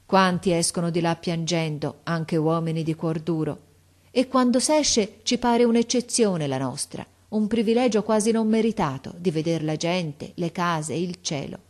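A woman narrating an audiobook in a measured, expressive storytelling manner. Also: fairly low pitch. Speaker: audiobook reader.

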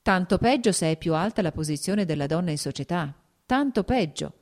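A woman reading the lines of a married, worldly male officer who talks his friend round, in a measured, persuasive way. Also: lowish voice, lively intonation, darkish tone.

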